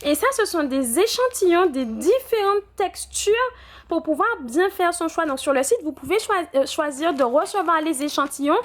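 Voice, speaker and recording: A woman's voice: high voice, animated, moderate pace. A young woman vlogging casually from home, chatty, with many fillers and restarts. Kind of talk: casual vlog chat. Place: at home indoors.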